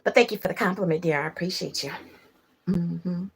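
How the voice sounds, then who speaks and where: A young woman with a lowish, husky, breathy voice chats casually with livestream viewers from her bed at home, speaking briskly into a phone camera. She's drowsy, murmuring and often dropping to a whisper, then breaking into sudden loud laughs, with slight background noise.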